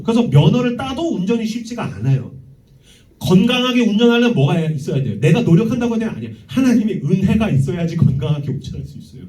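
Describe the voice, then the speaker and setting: A man in his thirties, a youth pastor, preaching a sermon in a church and acting out the voices in his stories. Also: high-pitched. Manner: animated preaching, acts out quoted voices, laughs at own stories. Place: church sanctuary. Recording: echoey room, heard from a distance.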